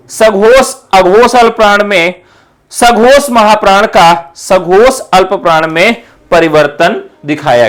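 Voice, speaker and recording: A man's voice: sits high, a bit bright. A male teacher giving an online exam-prep lesson, asking questions and answering them himself, repeating key terms for emphasis. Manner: addresses students as companions.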